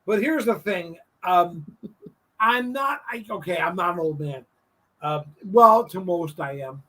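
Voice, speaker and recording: A man's voice: high-pitched, animated, measured pace, fairly bright tone, distant mic, low-quality recording. Effusive heartfelt man in his fifties. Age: 50s. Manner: effusive, heartfelt, repeats himself. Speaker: show host. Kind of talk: emotional casual chat.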